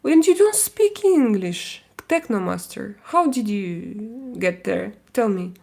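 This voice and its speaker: A Russian woman with young kids hosts a relaxed live stream, chatting with viewers in Russian-accented English. She hesitates often, with many pauses and fillers. Her medium-pitched voice is mellow with vocal fry and lively intonation.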